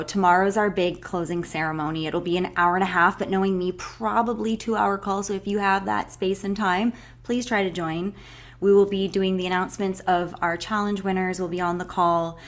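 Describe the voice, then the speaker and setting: Effusive young woman leading a group call. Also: medium pitch. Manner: warm, effusive, many "like" fillers. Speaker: breathwork facilitator. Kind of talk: casual chat to a live online group.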